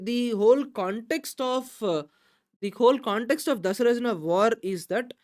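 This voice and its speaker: A woman tutor talks through exam material at a mid-range pitch. She hurries through the Telugu stretches, then slows and spells out each point in English. Her tone is explanatory, and she keeps flagging what will be asked. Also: a little mellow. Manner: switches between Telugu and English, fast in Telugu and slow, deliberate in English; explanatory, stresses which points are important. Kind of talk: recorded exam-prep lecture.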